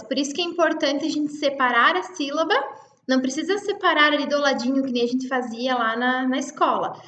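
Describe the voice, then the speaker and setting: A Brazilian Portuguese woman teacher walks her students through a lesson with a high, bright voice. She explains patiently, one step at a time, and often stops to check that they follow. The recording sounds roomy and echoey, with a faint hiss underneath. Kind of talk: online class lecture.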